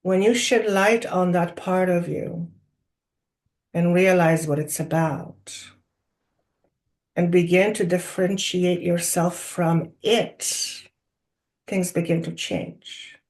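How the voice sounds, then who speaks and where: A person voicing a channeled collective of wise spirit guides, like a seance medium in trance, deliberate and oracular with drawn-out emphasis and rhetorical questions. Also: medium pitch, steady tone. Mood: solemn, instructive. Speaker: channeler speaking as a council of spirits.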